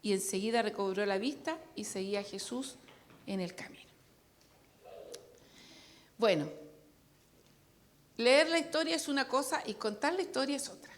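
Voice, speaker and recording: A woman's voice: a little high, moderate pace, long pauses, slight background noise. A woman preaching a sermon, chatty and joking with the congregation.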